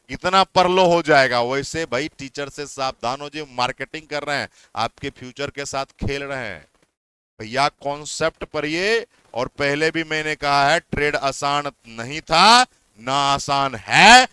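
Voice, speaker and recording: A man's voice: a little high, pushed and bright, clear, resonant tone, no room sound. A young man who teaches exam coaching, giving heated, repetitive warnings to students. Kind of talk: impassioned advice talk to students.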